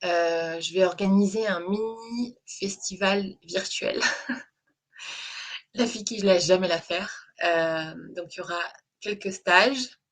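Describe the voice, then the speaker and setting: A woman hosting a live stream, talking in a soft, hesitant way with many fillers. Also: on the low side, slow pace. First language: French. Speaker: host. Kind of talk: casual live-stream chat.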